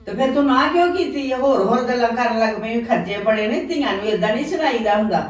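A woman's voice: on the high side, expressive, fast talker, close to an everyday voice. An actress with a Punjabi accent playing a mother who settles a quarrel between her daughter and her daughter-in-law, firm and admonishing. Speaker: actor in a family drama. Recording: very echoey room, mic at a distance.

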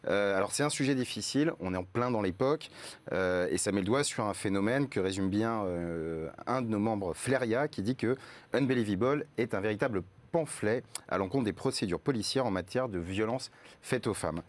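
A man's voice: fairly low pitch, moderate pace. A man, a guest columnist, presents the month's top series in a casual studio chat, explaining with many fillers.

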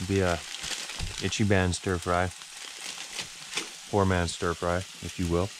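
A man's voice: low voice, little pitch movement, slow, noisy background. A man casually narrating a winter camping trip while cooking in a heated tent. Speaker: outdoor vlogger. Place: heated tent on a frozen lake, then truck cab.

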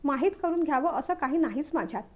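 Woman reading shy newlywed wife, hesitant, quiet, high voice, lo-fi sound. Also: animated, quick pace. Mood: timid.

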